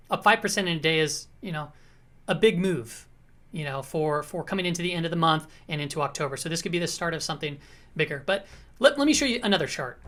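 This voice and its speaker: In a lowish, a bit bright, slightly hoarse voice, the host goes over charts in her casual market commentary, keeping it conversational with regular viewer check-ins.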